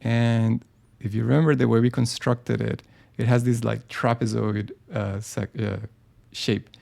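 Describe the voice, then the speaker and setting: Working through a live screen-share tutorial, a design software presenter talks as he goes in a relaxed, unhurried way. His voice is medium in pitch, warm, and heavily gravelly; thinking aloud, he keeps stopping on fillers and starting sentences over.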